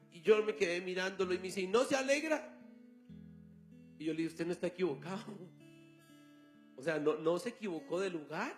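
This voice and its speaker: A male pastor preaching a sermon, telling a story and acting out the dialogue. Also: high-pitched. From Colombia.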